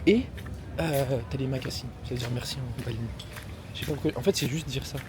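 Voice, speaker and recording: A man's voice: medium pitch, fast, crowd noise. A young man chatting casually in a travel vlog, rambling and slangy, filmed on a handheld camera at a hotel. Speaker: vlogger.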